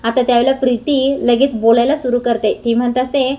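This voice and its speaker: A woman narrating a TV serial episode recap in a steady storytelling manner, with frequent hesitation fillers. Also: a little high, brisk.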